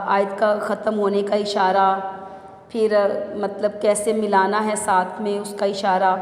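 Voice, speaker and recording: A woman presenting an educational talk on punctuation, explaining with rhetorical questions and emphatic examples. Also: medium pitch. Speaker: presenter of a language segment. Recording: echoey room with long reverb.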